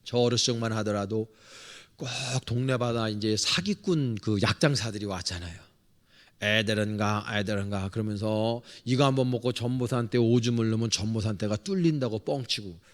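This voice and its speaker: A middle-aged man from South Korea preaching a sermon as pastor, calling out to the congregation and swinging between loud exhortation and hushed low asides. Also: fairly quick. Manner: repeatedly addresses the congregation directly. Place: church sanctuary.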